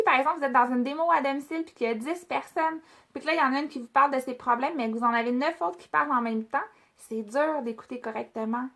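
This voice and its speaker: A woman's voice: high voice, bright, forceful tone. A woman with a Québécois French accent leading a casual product training, chatty, with many fillers and restarts as she speaks directly to her trainees.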